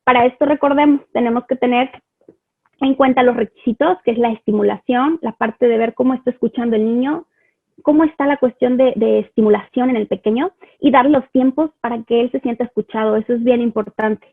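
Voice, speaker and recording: A woman with a Mexican Spanish accent and a slightly high, brisk voice with a breathy edge teaches parents about children's language in a chatty live online talk. She often checks in with rhetorical questions, and the stream audio sounds phone-like and lo-fi.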